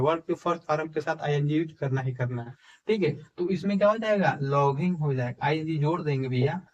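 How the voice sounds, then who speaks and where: A man teaching English grammar in with a tinge, dictating examples slowly and checking in with his students. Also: fairly high pitch, recorded from a distance, highs cut off. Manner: slow dictation of example sentences, frequent "ठीक है" and rhetorical questions. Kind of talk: explaining a grammar lesson in Hindi.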